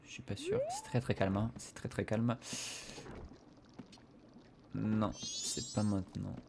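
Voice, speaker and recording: A man's voice: on the low side, wildly swooping pitch, slow pace, gravelly, heavy background noise. A man casually commentating a video game for his viewers, hesitant and full of fillers. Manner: hesitant, many fillers, addresses viewers as "les gars". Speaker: gaming YouTuber. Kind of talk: casual let's play commentary.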